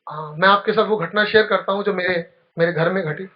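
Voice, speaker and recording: A man giving a motivational speech, telling a personal story with feeling and dropping soft at the tender parts. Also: brisk. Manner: storytelling, emotional, drops low and soft at touching moments. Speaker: motivational speaker. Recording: dull lo-fi recording.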